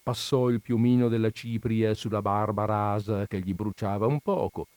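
A man narrating a classic literary story in a measured, unhurried reading, recorded close to the mic. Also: on the low side, steady tone, darkish tone, no echo. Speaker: reader of literary stories.

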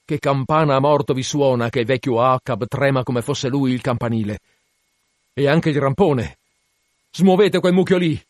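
A man's voice: mid-range voice, normal speed, no room sound, studio quality, lightly acted. A man voicing an obsessed, one-legged old whaling captain in a dramatic reading, commanding and declamatory. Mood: frenzied.

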